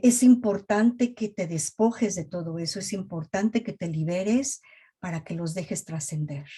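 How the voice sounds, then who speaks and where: A woman's voice: on the low side, warm tone, husky. A woman therapist giving a reflective talk to parents, emphatic and full of "este" fillers, over a video call.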